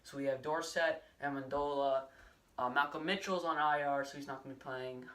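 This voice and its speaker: A man's voice: medium pitch, steady tone, fairly quick, fairly bright tone, far from the mic. A young man giving a casual, rambling solo sports recap with many fillers and restarts. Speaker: sports vlogger.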